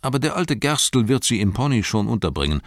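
A man's voice: mid-range voice, big pitch swings, brisk, no room sound, clean studio sound, voice pushed up. A man voicing a wary village gatekeeper who talks curtly and hurriedly, in a storybook reading.

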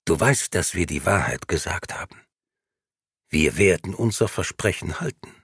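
A man's voice: expressive, moderate pace, fairly bright tone, slightly rough, no echo, clean studio sound, full character voice. A man voicing a cold, disembodied menacing voice that coaxes and threatens by turns. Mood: coaxing. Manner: coaxing, then shrill and commanding.

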